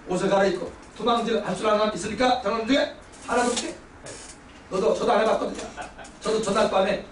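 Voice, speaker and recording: A male pastor giving a lively sermon lecture, exuberant and loud, often shouting and leading the congregation in call-and-response. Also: high-pitched. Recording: roomy hall from far off, faint background noise.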